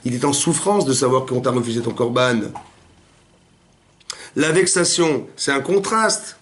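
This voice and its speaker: A man, a rabbi, giving a Torah class in a family home, animated and asking his listeners rhetorical questions. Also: mid-range voice, measured pace, a little hiss or hum.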